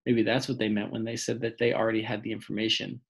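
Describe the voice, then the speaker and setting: A man voicing a quiet, worried mother. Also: on the low side, level tone, quick pace, natural voice. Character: worried middle-aged mother, soft and weak. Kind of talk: audiobook reading.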